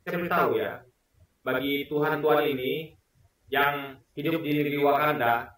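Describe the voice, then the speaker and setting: A man's voice: on the high side, steady tone, moderate pace, a bit bright, very echoey, distant mic, rough recording. A man in his forties from Indonesia, talking earnestly to camera in a casual vlog, stressing and repeating his points. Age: 40s. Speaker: vlogger. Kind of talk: casual spoken commentary to camera.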